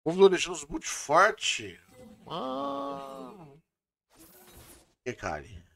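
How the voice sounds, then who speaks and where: A man with a Brazilian accent giving casual, excitable live gameplay commentary, teasing as he goes. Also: sits high, slow, gravelly. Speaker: game streamer. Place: indoors at a streaming setup.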